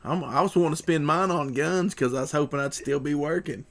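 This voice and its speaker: Gravelly man reading the chat. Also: a little high, brisk. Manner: reads out chat messages, laid-back. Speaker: livestream host reading chat. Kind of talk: casual joking chat.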